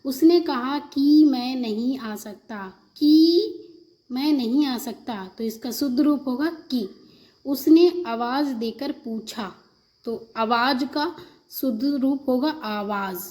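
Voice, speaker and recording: A woman's voice: sits high, slow, darkish tone. A woman teaching a Hindi spelling lesson for an exam, reading example sentences and then repeating each word in its correct form.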